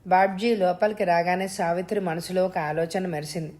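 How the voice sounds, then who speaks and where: A woman narrating a suspense story in a steady, measured reading voice. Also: lowish voice.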